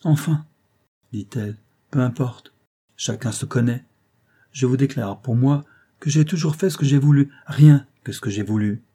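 A man's voice: medium pitch, normal speed, warm tone, voice pushed up, close to an everyday voice. A man reading a novel aloud and voicing a proud, strong-willed young actress who speaks curtly and with command. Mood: firm. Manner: curt, commanding, defiant.

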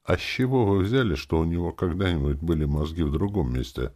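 A man's voice: sits low, a little fast, dark tone. A man voicing a blunt, sarcastic, hot-tempered young male hero in an audiobook. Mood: indignant.

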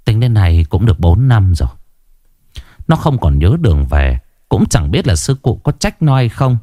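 A man narrating a story in an unhurried, expressive way. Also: fairly low pitch, dry recording, studio quality.

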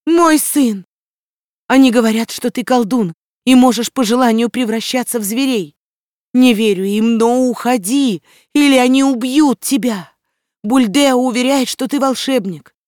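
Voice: medium pitch, steady tone, takes it slowly, darkish tone, dry recording, clean studio sound. The audiobook reader voicing an anguished village mother who cries out and pleads with her adopted son. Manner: crying out, pleading.

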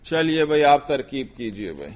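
A man's voice: mid-range voice, very animated, a little mellow, muffled recording. A man teaching a grammar class, patiently questioning students and praising their answers.

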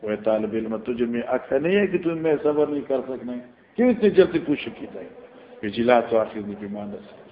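A man's voice: mid-range voice, lively intonation. A man with a Pakistani Urdu accent teaching scripture in a classroom lecture, explaining the Arabic text line by line and telling stories as he goes. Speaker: hadith teacher. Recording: roomy, dull lo-fi recording.

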